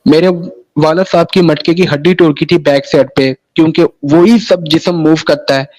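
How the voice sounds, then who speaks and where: Here the Pakistani interviewee's voice is a little high and a little mellow, held in a steady tone at normal speed, on a low-quality recording. He wanders through his personal story, restarting phrases and leaning on the repeated tag "sahi hai na."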